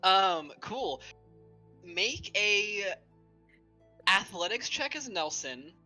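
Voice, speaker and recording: Bright, easygoing game master. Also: medium pitch, expressive, extremely slow, soft background music, rough recording. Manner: loose, filler-heavy, lots of "like". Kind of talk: narrating a tabletop game.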